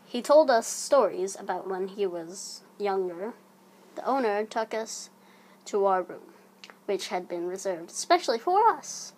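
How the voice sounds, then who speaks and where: A woman narrating a scripted horror story in a hushed, creeping manner, breathy and sometimes sinking toward a whisper. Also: mid-range voice, animated, measured pace. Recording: audible background noise.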